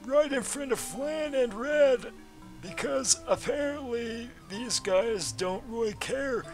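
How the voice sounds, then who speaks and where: A man's voice: very high voice, slow pace, voice pushed up, full character voice. A man voicing a rambling elderly male professor who talks through his dentures, in a quavering, long-winded way, over game music. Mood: storytelling.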